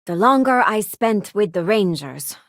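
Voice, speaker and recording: An actress voices lines for a principled, idealistic crew companion in a space video game, sounding sincere and conversational with an earnest yet disillusioned mood. Her mid-range voice is animated at a measured pace, in a dry, studio-quality recording.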